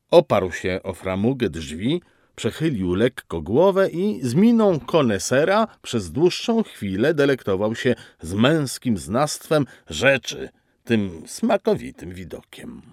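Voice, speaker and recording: A man narrating a story in an ironic, expressive reading style. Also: mid-range voice, no room sound, studio quality. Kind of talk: scripted storytelling.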